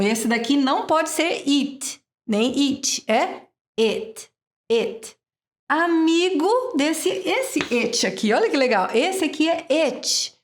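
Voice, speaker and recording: A woman teaching an English lesson from Brazil, patient and slow, repeating each sound many times. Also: sits high.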